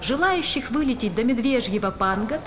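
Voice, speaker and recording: A woman giving a brisk, formal airport announcement over a loudspeaker, heard from a distance. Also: on the high side, lively intonation, crowd noise. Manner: brisk, formal, repeats the notice. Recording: distant loudspeaker amid loud noise.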